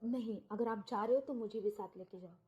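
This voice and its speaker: A woman's voice: mid-range voice, fairly quick, dark tone, close to an everyday voice. A woman storyteller voicing a frantic young woman who begs someone not to go to the police. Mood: pleading. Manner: urgent, repeated pleading. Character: frantic young daughter, clinging and insistent.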